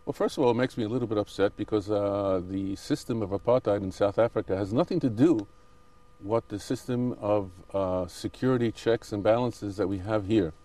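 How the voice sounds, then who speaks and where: A man's voice: lowish voice, a little fast, dark tone. A man answering as an interview guest, arguing back insistently with some hesitant self-corrections. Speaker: interview guest, Israeli settler.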